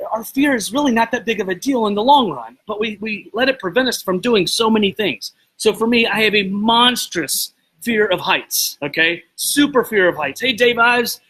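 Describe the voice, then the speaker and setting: A man hosting a live video show, telling a story to his viewers in a rambling, excitable way and stopping to greet people by name. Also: high-pitched, normal speed, breathy edge, poor audio. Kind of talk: casual motivational talk to live viewers.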